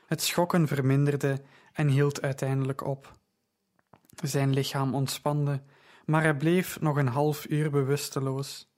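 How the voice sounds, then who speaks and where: A man narrating a story in a measured, even style. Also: mid-range voice. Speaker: audiobook narrator. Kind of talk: scripted narration.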